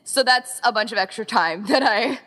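An event organizer appearing as a podcast guest chats informally in a gushing, emphatic way, sprinkling in plenty of "like." Her voice sits a little high, bright, at a moderate pace, with a long reverberant echo on the recording.

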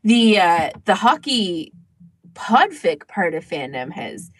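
Here a woman with a lowish, sing-song voice takes her time as she co-hosts a podcast with fellow fans. She chats loosely, leaning on "like" as a frequent filler, and there's no echo.

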